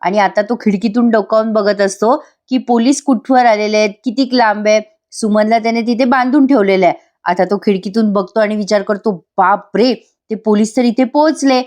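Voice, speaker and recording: A woman's voice: medium pitch, steady tone, fairly quick, a little mellow. A woman giving a voice-over review of a TV serial episode, chatty and constantly turning to her viewers. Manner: chatty, keeps addressing viewers.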